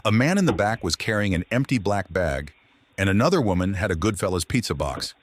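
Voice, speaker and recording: A man's voice: fairly low pitch, sing-song, brisk, no echo. A man narrating a video from a script.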